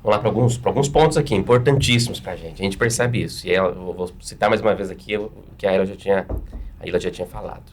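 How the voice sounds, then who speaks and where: A man's voice: low-pitched, quick pace, a little mellow, a little hiss or hum. A man with a Brazilian Portuguese accent, a pastor explaining step by step with practical examples in a panel discussion.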